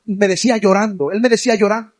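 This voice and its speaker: A male evangelist preaching a sermon, speaking straight to young listeners and building to forceful, near-shouted exhortation. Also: sits high, fairly even intonation, rapid-fire. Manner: addresses listeners directly as young people.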